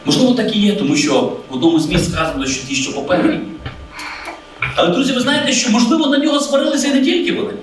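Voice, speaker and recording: A man's voice: very high-pitched, racing, heavy reverb, distant mic, poor audio. A man preaching a sermon in an earnest way, calling his listeners friends and acting out the voices he quotes.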